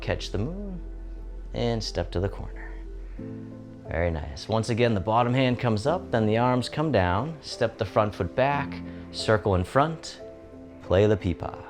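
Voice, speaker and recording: A man giving serene, gentle tai chi instruction in short, soothing guided movement cues. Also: mid-range voice. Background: instrumental music.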